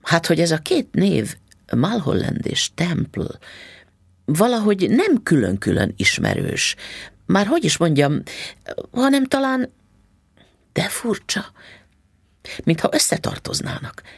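A polite, curious young man lodging at a boarding house, read by a male narrator. He talks in a musing, lively way. His voice has a gravelly rasp and is recorded dry and close. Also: high-pitched, pauses often, no echo, voice pushed up, full character voice.

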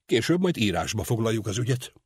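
Male reader doing a gruff, insistent old butcher, husky and dry. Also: on the low side, very animated, darkish tone, dry recording, exaggerated voice. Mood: stubborn. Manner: muttering, insistent. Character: grieving older male butcher, stubborn and gruff. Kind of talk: audiobook character reading.

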